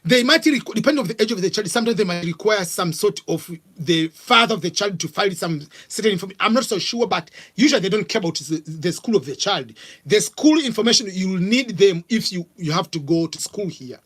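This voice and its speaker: With a high, expressive voice and a fairly bright tone, a middle-aged Tanzanian man chats live on his vlog. Speaking with a Tanzanian accent, he fields viewer questions casually, pausing often and filling gaps with fillers.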